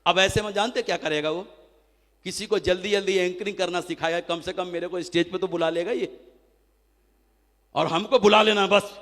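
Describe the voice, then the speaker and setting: A man's voice: sits high, moderate pace, pauses often. A man giving a motivational seminar talk as a trainer, firing off rhetorical questions and answering them himself. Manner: animated, acts out quoted people. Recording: long hall reverb.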